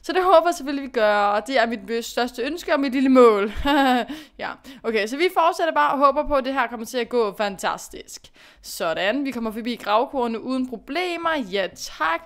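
A woman's voice: fairly high pitch, expressive. A young woman giving casual commentary while she plays a horse racing game, talking to herself, scolding and cheering herself on. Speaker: gaming youtuber.

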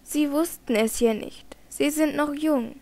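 A woman voicing a naive, devout elderly lady in an audiobook, speaking slowly and gently insistent, sometimes hushed. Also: sits high, voice pushed up. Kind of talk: audiobook character reading.

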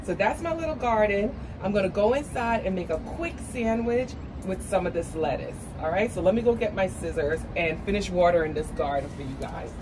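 Talking a little fast and with few pauses, a cooking and gardening vlogger with a mid-range voice chats to her viewers, whom she calls "guys," about her patio garden and kitchen. Music plays in the background as she goes from an outdoor high-rise patio to her home kitchen. The audio is noisy and echoey because of a distant mic.

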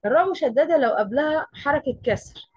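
A woman with an Egyptian Arabic accent teaches a tajweed lesson as a Quran recitation teacher, explaining step by step and often posing questions she then answers herself. Her voice is high-pitched with lively intonation and a slightly fast pace. The recording is dry and the audio dull.

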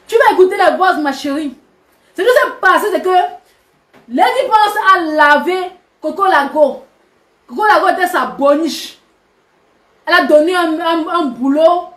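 A woman's voice: extremely high pitch, a little slow, long pauses, fairly bright tone. A woman, a social media personality, ranting at her subscribers in a scolding, combative and mocking way. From Cameroon. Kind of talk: live video rant. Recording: roomy echo.

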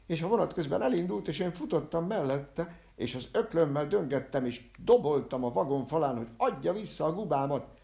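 Guy doing a frantic yelling man, high and loud, audiobook voice. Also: expressive, gravelly, echoey room. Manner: shouting, frantic. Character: agitated, ranting male character.

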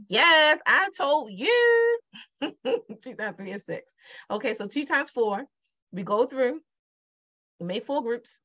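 A chatty middle-aged woman with a Baltimore accent teaches multiplication in an informal digital-whiteboard lesson, repeating her questions for the viewer. Her voice is high-pitched with a fairly bright tone.

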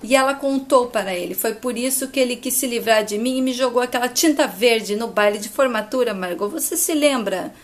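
A woman voicing an anxious, earnest young woman who speaks softly and hesitantly. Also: a little high, fairly quick, few pauses, lightly acted.

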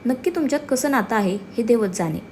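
A woman's voice: lively intonation, fast talker, a little mellow, slight background noise, lightly acted. A woman voicing a surprised young male friend who asks disbelieving questions. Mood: incredulous. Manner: incredulous, raised pitch.

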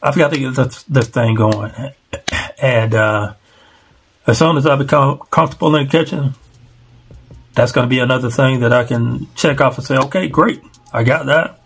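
A man's voice: medium pitch, normal speed, creaky, long pauses, slightly rough. A man in his forties vlogging casually from his bedroom into a headset mic, rambling and self-deprecating with plenty of fillers. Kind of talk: casual personal vlog. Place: small bedroom at home. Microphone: headset microphone on a webcam call setup.

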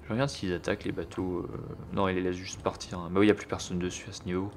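Crude joking gaming commentator. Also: male voice, low voice, little pitch movement, rapid-fire, slight background noise. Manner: crude, joking, thinks aloud. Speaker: gameplay commentator. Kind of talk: casual let's-play commentary.

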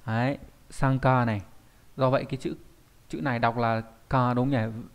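A man's voice: mid-range voice, fairly even intonation, normal speed. A man teaching an online Japanese grammar lesson, explaining patiently, thinking aloud with fillers and often asking his students whether they follow. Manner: explains patiently, often checks with "đúng không?".

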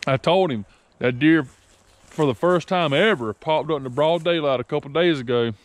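A man from South Carolina, chatting excitedly and joking outdoors while hunting. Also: on the high side, a little hiss or hum. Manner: boisterous, joking, quick to laugh. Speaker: hunting vlogger. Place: outdoors in rural woods.

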